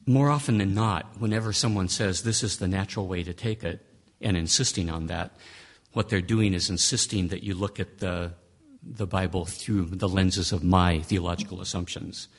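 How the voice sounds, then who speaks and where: A Bible teacher with a low-pitched voice lectures conversationally on reading scripture at a moderate pace. He is emphatic, fond of rhetorical questions, and often restarts his phrases.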